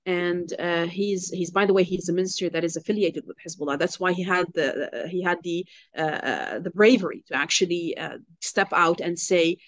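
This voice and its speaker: A woman from Lebanon speaking as a guest journalist in an interview, passionate and halting, with many fillers and restarts. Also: fairly low pitch, no room sound. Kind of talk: interview on a call.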